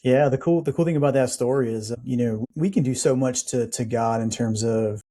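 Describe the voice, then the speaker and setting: Mellow-voiced man hosting a podcast. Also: medium pitch, brisk. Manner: affirming and reflective, calls the guest man and brother. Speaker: podcast host. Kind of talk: casual conversational podcast.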